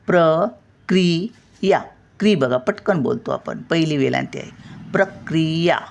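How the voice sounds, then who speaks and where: A woman's voice: low voice, gravelly. An older woman teaching pronunciation word by word, stretching out syllables and repeating each word patiently. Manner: drawn-out syllables, patient repetition. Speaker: Marathi language teacher. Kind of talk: slow word-by-word pronunciation lesson.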